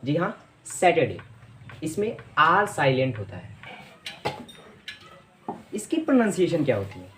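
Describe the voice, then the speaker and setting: A man teaching English pronunciation in Hindi, explaining each word patiently and repeating it slowly. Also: a little high, huge pitch swings, a bit bright, a little hiss or hum. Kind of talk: explaining lesson to camera.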